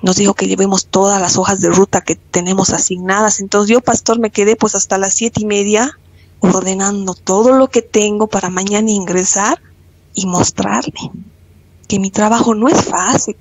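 A woman's voice: medium pitch, steady tone, moderate pace, no echo, low-quality recording. A woman with a Bolivian accent, giving an earnest, devout testimony to her pastor over an online call. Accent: Bolivian Spanish. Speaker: church member giving a testimony.

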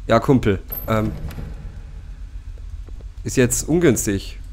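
A man's voice: lowish voice, expressive, slow pace, a little mellow, a little hiss or hum. Jumpy man narrating a horror game. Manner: jittery, talks to viewers, frequent scared gasps. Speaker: let's play gamer.

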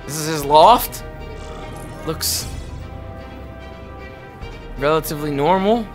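A man's voice: fairly high pitch, slow, soft background music. A young adult man giving casual gameplay commentary in a reactive, profane, repetitive way. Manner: profane, reactive, repeats himself. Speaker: gaming video player.

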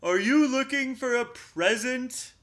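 A man voicing a gruff, pompous male bear in a children's storybook reading, booming and stern. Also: slow, a bit bright, heavily acted.

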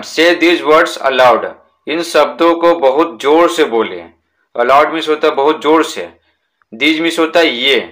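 A man teaching a school lesson in Hindi. He repeats words slowly and asks and answers his own questions. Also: medium pitch, fairly bright tone.

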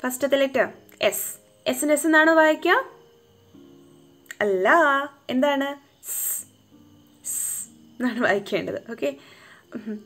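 A woman's voice: high-pitched, lively intonation, slow pace, long pauses, fairly bright tone, soft background music. A woman teaching English phonics, sounding out words syllable by syllable and coaxing her young learners with questions. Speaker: home tuition teacher. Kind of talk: phonics lesson for children.

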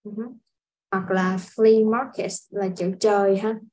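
A woman from Vietnam teaching a casual language lesson, explaining step by step in an unhurried way with frequent filler sounds. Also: mid-range voice, flat delivery, darkish tone, low-quality recording. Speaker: English teacher.

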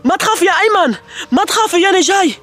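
Excitable high-voiced male skit host. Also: very fast, slight background noise. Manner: excitable, dramatic, talks to viewers. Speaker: youtube host. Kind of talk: kids' comedy skit.

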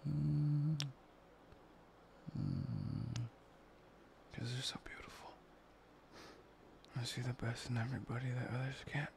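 Guy doing a clingy obsessive boyfriend type, whispery and slow, lots of vocal fry, audio roleplay. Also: mid-range voice, darkish tone, a little hiss or hum. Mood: adoring. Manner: murmuring, intimate, slow and breathy. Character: possessive, obsessive young man, soft-spoken and controlling.

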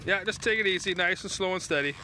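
A man guiding a fishing trip on a river, coaching calmly and joking while he films from the boat. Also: sits high, fast. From Canada. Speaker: fishing guide. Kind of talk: live-streamed fishing vlog. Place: open boat on a river, outdoors. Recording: outdoor boat noise.

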